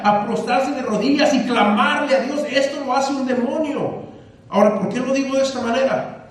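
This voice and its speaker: A man preaching a sermon as pastor, using emphatic repetition and calling the congregation brothers. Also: very high voice. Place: church sanctuary. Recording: echoey church hall, mic at a distance.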